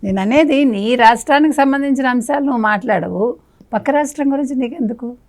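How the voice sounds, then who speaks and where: A woman's voice: sits high, fast talker, a little mellow. A woman guest on a political talk show, scolding and firing off rhetorical questions, now and then slipping English phrases into her speech.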